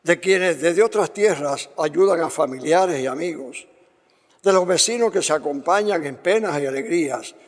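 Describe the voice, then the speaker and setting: Man, priest, solemn measured prayers, slightly high voice, long cathedral echo. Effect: long cathedral-like reverb. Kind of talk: leading liturgical prayers at Mass. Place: large church. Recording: voice in a long, echoing church reverb.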